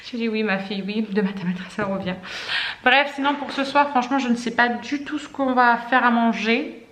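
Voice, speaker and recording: A woman's voice: fairly high pitch, normal speed, a bit bright. Chatty woman in an echoey home. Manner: rambling, many fillers and "et cetera". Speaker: mother and home vlogger. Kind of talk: casual vlog chat. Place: family home, indoors. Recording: roomy echo in a home.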